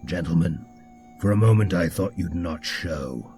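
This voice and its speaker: A man's voice: low voice, lively intonation, a little slow, darkish tone, faint music behind, pitched below the performer's own voice. A man voicing a theatrical male cult leader who hosts a masked ball, speaking in a grandiose, commanding way. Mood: sly welcoming.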